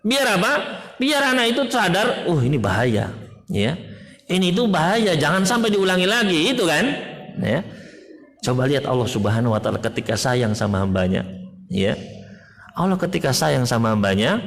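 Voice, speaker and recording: A man's voice: creaky, long reverb tail. A man giving a conversational Islamic sermon, acting out parents in raised voices and dotting his talk with "ya". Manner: lively, swings high to act out parents, fills with "ya". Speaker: Islamic preacher.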